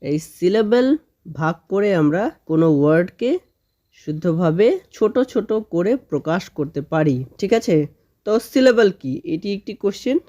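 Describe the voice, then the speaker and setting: A woman teaching a grammar lesson for children, slowly sounding out words syllable by syllable and often checking in with her students. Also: fairly low pitch, lively intonation, warm tone, lo-fi sound. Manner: slow drawn-out spelling of words, syllable by syllable; frequent "okay?" check-ins with students.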